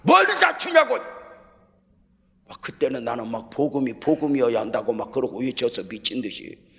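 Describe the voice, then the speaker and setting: A man's voice: medium pitch, a little fast. Impassioned middle-aged man preaching in a church hall. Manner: impassioned, swings from hushed storytelling to shouting. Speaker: guest pastor. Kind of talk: revival sermon. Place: church sanctuary. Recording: long reverb of a large church hall.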